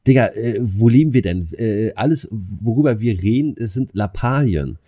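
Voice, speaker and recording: A man's voice: on the low side, lively intonation, normal speed, warm tone, slightly rough. A man in casual conversation, talking bluntly with slang and lots of filler words and restarts. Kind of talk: casual chat.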